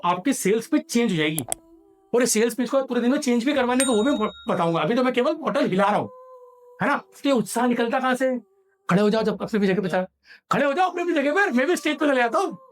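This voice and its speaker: Give me an energetic male sales trainer with a high voice, leading a hall seminar with call-and-response. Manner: energetic, drills the audience to repeat lines. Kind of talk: motivational seminar talk.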